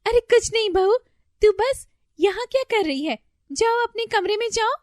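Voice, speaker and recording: A woman voicing a fretful, easily panicked older mother-in-law in a storybook tale, with a shrill, wailing, pleading way of talking. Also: animated, normal speed, darkish tone, dry recording, studio quality.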